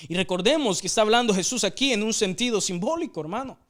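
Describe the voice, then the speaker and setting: A man's voice: sits high, lively intonation, fast talker, fairly bright tone. A man leading a Bible study, teaching earnestly, repeating phrases for emphasis and often addressing listeners as brother.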